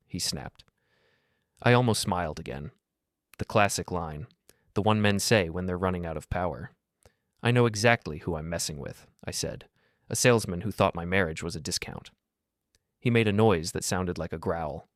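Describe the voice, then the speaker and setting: A man narrates a first-person drama in a very low voice, keeping his delivery calm and measured. The sound is dry and close, with no room around it. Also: no room sound.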